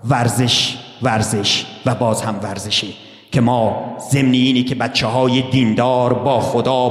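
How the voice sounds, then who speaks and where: A man giving a sermon who answers his own rhetorical questions and calls his listeners brothers and sisters. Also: mid-range voice. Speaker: religious speaker. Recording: echoey hall with long reverb.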